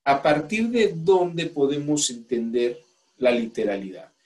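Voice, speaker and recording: A man's voice: fairly high pitch, big pitch swings, unhurried, darkish tone. A man with a Mexican accent teaching a law class, asking the students questions and coaxing volunteers to read aloud. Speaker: law course instructor. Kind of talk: classroom lecture.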